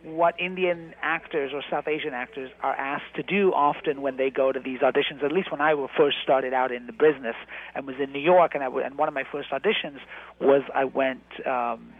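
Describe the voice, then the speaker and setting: Male interview guest, mid pitch, halting storyteller, phone-quality radio sound. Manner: halting, many restarts and fillers, animated when telling stories. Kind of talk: casual conversational interview. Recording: tinny phone-like radio line.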